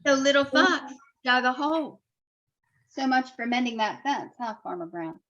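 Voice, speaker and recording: Slow storybook-reading woman teacher. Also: sits high, lo-fi sound. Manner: slow, expressive storytelling with asides to children. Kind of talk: picture book read-aloud for young children.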